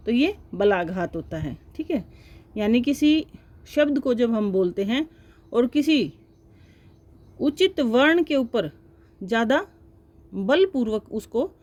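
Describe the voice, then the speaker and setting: A woman teaching a lecture to exam students, explaining step by step and often pausing to check with her listeners. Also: a little high, darkish tone, lo-fi sound.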